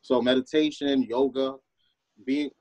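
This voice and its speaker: A man's voice: mid-range voice, fairly even intonation, unhurried, darkish tone, no echo. A man hosting a podcast in an informal, conversational way, repeating phrases for emphasis. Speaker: podcast host.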